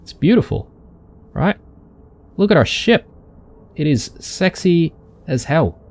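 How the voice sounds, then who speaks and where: A man's voice: a little high, lively intonation, slow, a little mellow. A man hosting a let's play, chatting casually to viewers with many ums and uhs. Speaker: gaming channel host.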